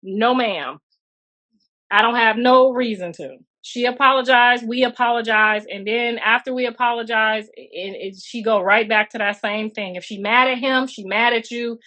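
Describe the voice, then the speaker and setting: A middle-aged mother livestreams from outdoors on her phone, chatting bluntly with viewers in a casual rant and calling them girl and honey. Her voice is a little high and sharp, at a moderate pace.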